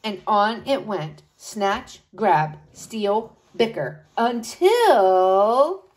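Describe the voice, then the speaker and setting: A woman reading a picture book aloud to young children in an animated way, addressing them directly. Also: medium pitch, extremely slow. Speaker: children's storybook reader.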